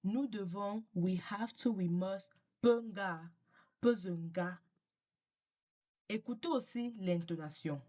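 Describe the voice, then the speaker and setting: A woman giving a casual language lesson, repeating words slowly and patiently and switching between French and English. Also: mid-range voice, warm tone. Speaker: language teacher.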